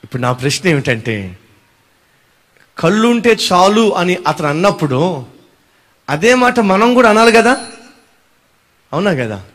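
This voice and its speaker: A male pastor preaching a sermon, animated and firing questions at his congregation. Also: high voice, measured pace, long pauses.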